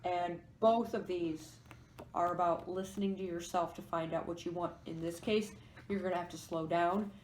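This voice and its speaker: A woman's voice: fairly low pitch, a little hiss or hum. A woman giving a pick-a-card tarot reading, musing aloud as she explains each card. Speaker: tarot reader. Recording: echoey room.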